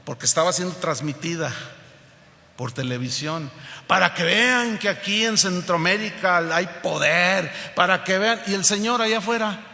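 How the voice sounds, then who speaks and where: A man preaching a sermon, telling a personal story in a lively way and acting out the people he quotes. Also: sits high, moderate pace, creaky. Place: church hall. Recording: reverberant hall, faint ambience.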